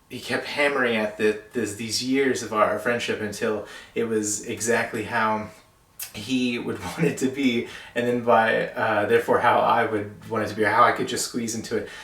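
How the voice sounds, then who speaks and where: A young man giving a wedding toast as best man, speaking informally and haltingly with self-deprecating asides. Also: fairly low pitch, a bit bright. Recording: roomy echo, distant microphone.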